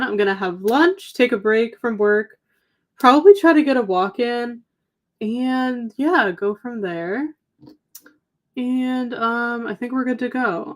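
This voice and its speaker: Chatty woman hosting a livestream. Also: a little high. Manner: chatty, lots of "um" and "like". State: slightly losing her voice. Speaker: livestream co-host. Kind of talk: casual chat reading viewer comments.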